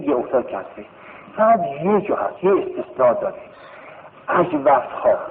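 A male teacher giving a classroom grammar lesson, drilling verb forms in a slow sing-song chant and checking with rhetorical questions. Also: mid-range voice, a little hiss or hum. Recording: tinny phone-like sound in a reverberant hall.

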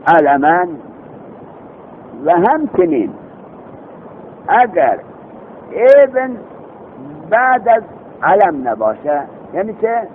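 Male grammar teacher, lively pitch, slow recited examples; tinny phone-like recording with faint vehicle rumble behind. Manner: quizzes students and recites examples slowly. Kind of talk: classroom grammar lesson.

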